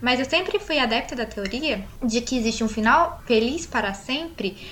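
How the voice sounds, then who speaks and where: Casting note: young Brazilian woman, podcast co-host, fairly high voice, heartfelt and earnest. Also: lively intonation, normal speed, a bit bright. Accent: Brazilian Portuguese. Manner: earnest, openly emotional. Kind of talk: casual chat.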